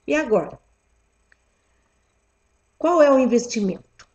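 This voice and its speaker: A woman, lecturing teachers in a deliberate way and checking in with rhetorical questions. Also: high voice, expressive, a little mellow. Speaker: teacher educator. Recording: dull lo-fi recording.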